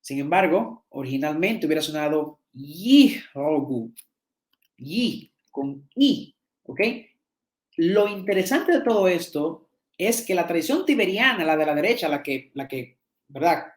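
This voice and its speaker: A man's voice: on the high side, lively intonation, normal speed. Man teaching a seminar in an echoey room. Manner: repeats words and restarts often, checks in with "¿ok?". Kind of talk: lecture explaining slides.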